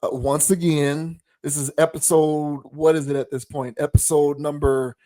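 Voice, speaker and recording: Podcast host guy, a bit higher voice, dry close sound, measured and preachy. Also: flat delivery, warm tone, no echo. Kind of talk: opinion commentary.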